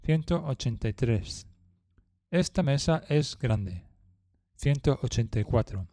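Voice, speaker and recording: Slow, measured man reading drill sentences. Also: medium pitch, lively intonation, dark tone, no echo, studio quality. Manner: reads each numbered sentence slowly and evenly. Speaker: language teacher. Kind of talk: slow numbered phrase drill.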